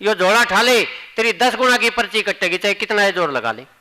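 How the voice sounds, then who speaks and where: A stern bus inspector barks orders in Haryanvi, as a man puts him on in a comic poem. The voice is high and bright. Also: animated, fairly quick, poor audio. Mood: scolding. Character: stern male ticket-checking officer on a bus.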